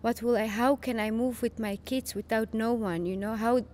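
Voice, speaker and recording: Speaking into a boom-arm studio mic, this podcast guest, a young Chechen woman and native Dutch speaker, chats casually in an interview full of fillers and restarts. Her voice sits a little high, with fairly even intonation and normal speed. It sounds a little mellow, and slight background noise is present.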